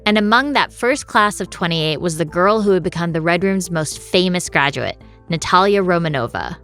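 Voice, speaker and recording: Woman co-hosting a podcast, lowish voice, playful and teasing, faint music under. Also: animated, moderate pace, fairly bright tone. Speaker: podcast co-host. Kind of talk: scripted podcast narration.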